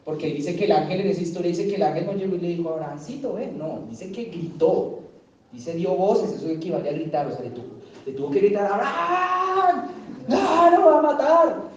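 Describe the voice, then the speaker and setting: A man's voice: a little high, fast talker, warm tone, slight background noise. A man preaching a sermon in a church, talking with the congregation and asking them questions. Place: church hall. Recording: echoey, distant, dull church recording.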